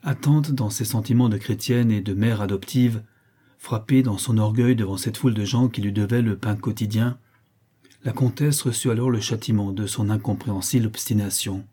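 A man narrating a classic novel as an audiobook, in a measured, expressive storytelling manner. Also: on the low side, breathy edge.

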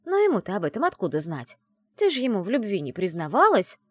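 A woman reading an audiobook and voicing a brash, teasing young woman who is the heroine's best friend, talking in a loud, mocking, bossy way. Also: medium pitch, huge pitch swings, quick pace, dry recording, studio quality, pitched above the performer's own voice.

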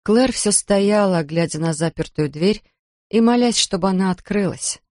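A reader narrating an audiobook in a calm, measured way. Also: medium pitch, dry recording, clean studio sound.

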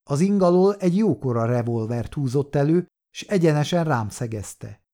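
A man narrating a first-person crime story in a calm, measured reading. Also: a little high. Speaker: audiobook narrator.

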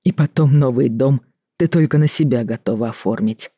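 A reader voicing a tired, fed-up middle-aged doctor in an audiobook, reproachful and measured. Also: medium pitch, dark tone, breathy edge, no echo, studio quality. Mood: weary. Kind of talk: audiobook reading.

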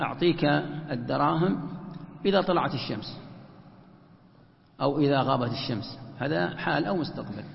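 In an echoey hall with muffled lo-fi sound, a man teaches a Quran commentary lesson, explaining as he goes. He poses rhetorical questions and then answers them himself. His voice sits a little high and has a creaky quality.

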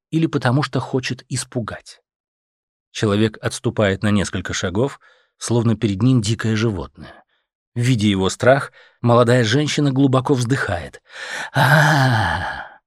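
A man narrating an audiobook in an expressive way. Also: mid-range voice, no room sound, clean studio sound.

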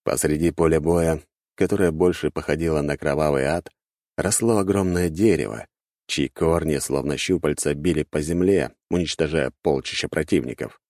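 A man narrating an action-fantasy audiobook in a dramatic, expressive storytelling manner. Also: very deep voice, moderate pace, no room sound, studio quality. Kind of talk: scripted narration.

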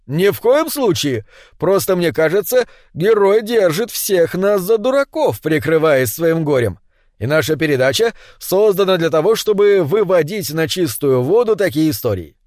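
A man's voice: fairly high pitch, big pitch swings, moderate pace, a little mellow, no room sound, studio quality. A man reading an audiobook, voicing a cruel talk-show host who questions his guest theatrically. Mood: probing. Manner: theatrical, interrogating.

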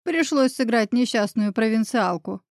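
Woman reading a shrill bitter mother-in-law. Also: lively intonation, normal speed, a little mellow, no echo, clean studio sound. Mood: bitter confession. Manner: shrill and defensive. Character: bitter scheming middle-aged woman, future mother-in-law.

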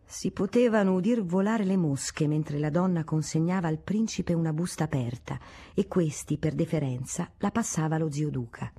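Audiobook narrator, woman, low mellow voice, steady measured reading. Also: breathy edge. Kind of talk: audiobook narration of a classic novel.

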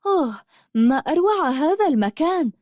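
A woman's voice: mid-range voice, big pitch swings, brisk, a little mellow, no echo, clean studio sound. A woman voicing a polite, cautious young man in a storybook. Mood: admiring.

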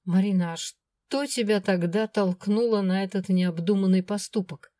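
A woman voicing a gruff dragon lord. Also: mid-range voice, moderate pace, mellow, no room sound, lightly acted. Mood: stern. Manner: gruff, commanding. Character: stern possessive male dragon lord.

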